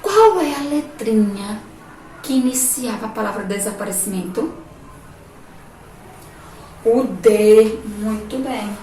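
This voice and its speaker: A woman teacher with a Brazilian Portuguese accent giving a remote lesson to young children, spelling words out slowly, syllable by syllable. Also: fairly high pitch, lively intonation, dark tone, a little hiss or hum. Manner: slow, syllable-by-syllable teacher talk with diminutives. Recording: echoey distant room mic, faint ambience.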